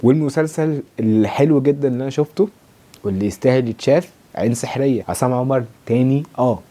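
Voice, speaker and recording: A young Egyptian man rattles off a review at breakneck speed. His voice is dark and a little husky. He sounds exasperated and sarcastic throughout. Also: mid-range voice. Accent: Egyptian Arabic. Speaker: TV series reviewer. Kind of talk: fast ranting review.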